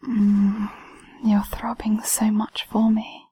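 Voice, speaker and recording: A woman who whispers the whole way through, airy and breathy, with a dark, mellow tone. She speaks very slowly and evenly, with barely any rise or fall, giving calm, commanding instructions. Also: medium pitch. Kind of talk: whispered intimate audio roleplay.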